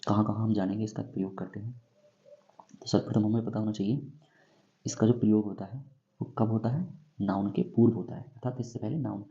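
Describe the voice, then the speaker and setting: A man teaching English grammar in a classroom-style lesson, going slowly and asking himself questions before he answers them. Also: lowish voice, fairly even intonation, vocal fry, dark tone, lo-fi sound. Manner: slow, repeats and quizzes himself with questions.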